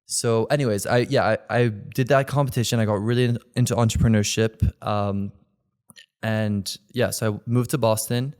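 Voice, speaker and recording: Low-voiced young man, rambling casually. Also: steady tone, moderate pace, darkish tone. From Belgium. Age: 20s. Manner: rambling, heavy use of "like" fillers. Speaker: guest, content creator. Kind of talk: casual interview chat.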